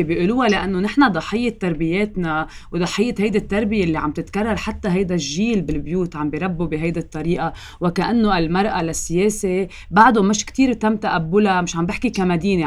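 A woman's voice: lowish voice, a little mellow. A woman with a Levantine Lebanese Arabic accent answers interview questions in an emphatic, colloquial way, building on repeated phrases. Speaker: political candidate, lawyer and investigative journalist.

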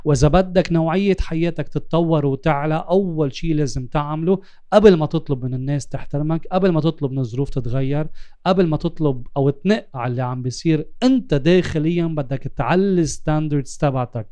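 A man's voice: a little high, fast talker, warm tone, smooth, dry recording. A man with a Lebanese Arabic accent hosting a reflective interview in a life-coach style, dropping English terms into his Arabic and repeating words for emphasis. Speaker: interviewer and host.

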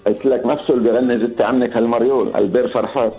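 A man's voice: mid-range voice, steady tone, rapid-fire, phone-quality sound. A man with a Levantine Arabic accent calling in to a radio show by phone and chatting casually. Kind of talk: casual chat. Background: background music.

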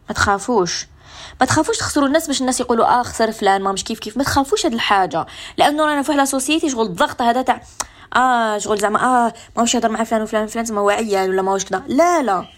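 Fast-talking Algerian Arabic woman. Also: medium pitch. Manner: emphatic, mixes French and English words. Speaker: radio host. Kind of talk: motivational radio talk. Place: radio studio.

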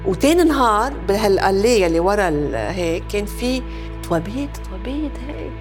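A woman's voice: medium pitch, big pitch swings, a little fast, over music. A Lebanese-accented woman giving personal testimony in a conversational way, dropping French phrases into her speech. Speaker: interviewee recalling war experience.

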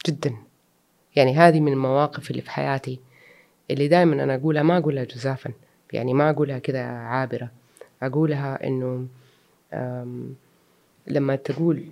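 A woman's voice: rumbling low, fairly even intonation, fast talker, gravelly, pauses often, dark tone. A woman, speaking earnestly and reflectively as an interview guest, mixing in English words. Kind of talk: personal interview.

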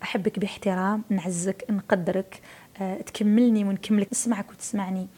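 A woman's voice: medium pitch, fairly even intonation, brisk, mellow. An Algerian woman in her thirties with an Algerian Arabic accent, a media personality talking emphatically as an interview guest and repeating words for stress. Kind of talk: casual interview talk.

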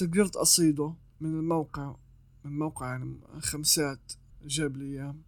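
A man talks quickly and casually, walking the listener through advice step by step and often restarting his sentences. His voice sits a little high, and the recording is dry and close, with no room sound. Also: no echo. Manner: chatty, explains step by step with frequent restarts. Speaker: artist giving freelancing advice.

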